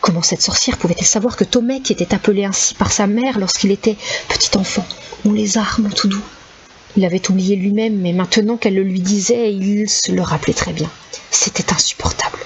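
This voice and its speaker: Woman narrating a dark audiobook. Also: medium pitch, fairly quick. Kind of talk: scripted narration. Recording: slightly dull with faint hiss.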